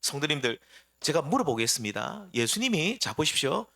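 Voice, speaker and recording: Lively, bright-voiced preaching man. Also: on the high side, brisk, creaky. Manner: expressive preaching with rhetorical questions. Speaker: pastor. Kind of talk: sermon.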